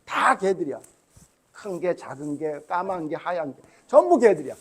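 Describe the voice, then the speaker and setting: A man's voice: fairly high pitch, lively intonation, moderate pace, fairly bright tone, husky. A male pastor giving a Sunday school sermon to children, chatting with them and quizzing them with questions.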